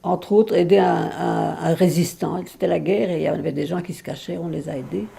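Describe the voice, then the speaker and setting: A great-grandmother in her nineties from Belgium, telling her life story to a baby in a halting, emotional way with many restarts. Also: on the low side, fairly even intonation, gravelly, warm tone. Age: over 90. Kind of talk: intimate spoken memoir.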